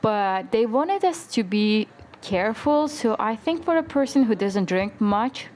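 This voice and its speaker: A woman's voice: a little high, animated, measured pace, a little mellow. A woman narrating her travel vlog as a voice-over, telling it in a chatty, rambling way. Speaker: travel vlogger.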